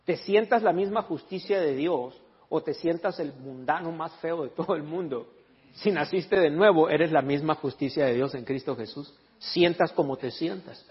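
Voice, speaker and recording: A man preaching to his church with a husky, slightly high voice. He tells lively stories and jokes with the congregation between points. The sound is dull and lo-fi, with a long reverb from the hall. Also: normal speed. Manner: animated storytelling, joking with the congregation; reads scripture in English and Spanish. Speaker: pastor. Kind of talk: sermon.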